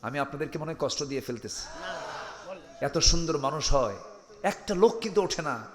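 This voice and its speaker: A man preaching a lively sermon to a live crowd, joking, acting out the people he quotes and calling out for louder answers. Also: on the high side, fairly quick. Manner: animated, calls out to the crowd and demands louder answers; jokes and acts out quoted people. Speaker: Islamic preacher. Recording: long reverb from a big venue.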